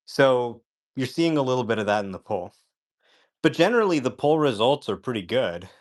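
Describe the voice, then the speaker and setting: A man speaking as a guest in a live chat, telling stories in an animated way and imitating other people's voices. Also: mid-range voice, moderate pace. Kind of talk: casual conversation.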